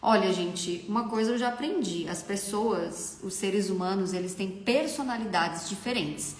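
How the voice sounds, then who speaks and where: A woman's voice: mid-range voice, moderate pace. A young Brazilian woman with a Brazilian Portuguese accent, a makeup artist hosting a live stream and giving frank, chatty advice. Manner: chatty, frank, often asks "entendeu?". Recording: echoey room.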